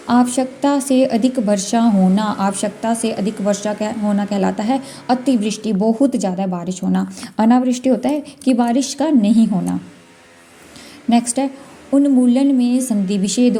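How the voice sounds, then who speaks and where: Going through exam questions one at a time, a woman teaches Hindi exam prep in a warm voice on the high side. She repeats key words and sounds out letters while explaining.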